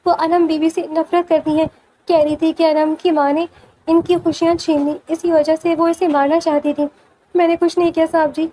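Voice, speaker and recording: A woman's voice: extremely high pitch, flat delivery, warm tone, a little hiss or hum, rough recording. A woman reading the part of a frightened maid who pleads through tears in a storybook romance. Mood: pleading. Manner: pleading, tearful. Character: frightened pleading female servant.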